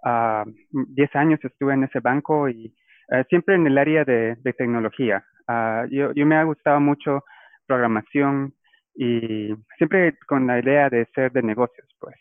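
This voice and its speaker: A man's voice: mid-range voice, unhurried, dry recording. A man from Guatemala, a guest explaining his career in a casual interview. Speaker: guest, data scientist. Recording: tinny phone-like line, dry.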